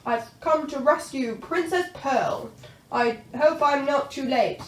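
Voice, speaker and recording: A woman playing a gallant, self-important male knight from a storybook, loud and declamatory. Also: sits high, slow. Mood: bold. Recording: roomy, distant mic, faint noise.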